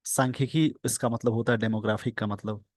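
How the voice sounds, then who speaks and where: A man with an Indian accent teaches English from a newspaper editorial, reading English phrases slowly and explaining them in Hindi. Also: fairly low pitch, fairly even intonation, no echo.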